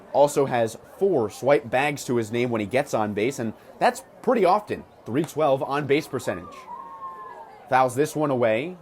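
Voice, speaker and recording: An American man calls baseball live on the radio in a fairly high voice with a darkish tone. He delivers clipped, punchy calls mixed with stat-laden asides, and clear ballpark noise sits behind the voice.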